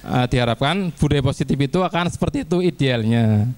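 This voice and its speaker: A man's voice: medium pitch, expressive, fairly quick, a little mellow. A man, a teacher, giving a casual training presentation to fellow teachers, chatty and acting out little classroom dialogues. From Indonesia.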